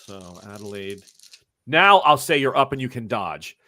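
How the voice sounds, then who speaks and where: A man's voice: medium pitch, very animated, normal speed, bright, forceful tone. A man running a tabletop game as game master, narrating and calling rules in a casual, rambling way. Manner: casual, rambling rule calls with fillers.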